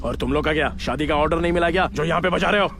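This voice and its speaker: A sneering bully moneylender. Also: male voice, on the high side, very fast, vocal fry, noisy background. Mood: menacing. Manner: threatening, sneering. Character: menacing bullying village moneylender man. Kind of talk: Hindi film dub. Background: film score.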